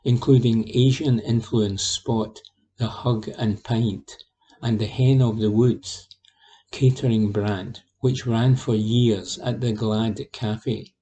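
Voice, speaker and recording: Male volunteer news reader, unhurried and warm-toned, steady delivery. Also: lowish voice, rough recording. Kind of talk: reading news articles aloud.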